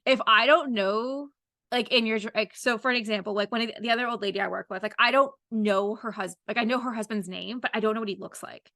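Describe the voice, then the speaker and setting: A woman's voice: on the high side, steady tone, quick pace, sharp tone, no room sound, clean studio sound. A woman in her thirties hosting a casual chat podcast, rambling with lots of fillers. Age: 30s. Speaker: podcast host.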